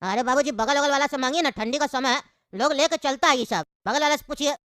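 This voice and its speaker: A fussing grown son, as a woman voices him in a cartoon, rattling off advice in a quick, high, bright voice. The recording is dry. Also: dry recording. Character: worried adult son on a phone call. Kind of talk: cartoon voice acting.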